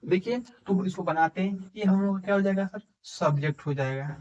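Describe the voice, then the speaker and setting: A man teaching English grammar in with a tinge, dictating examples slowly and checking in with his students. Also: high voice, a little mellow, recorded from a distance, muffled recording. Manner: slow dictation of example sentences, frequent "ठीक है" and rhetorical questions. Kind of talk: explaining a grammar lesson in Hindi.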